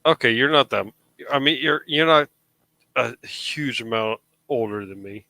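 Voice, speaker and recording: A man's voice: medium pitch, a little slow, vocal fry, bright, forceful tone, no echo, poor audio. A man in his thirties chatting casually on a live show, rambling with frequent restarts. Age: 30s. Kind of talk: casual chat.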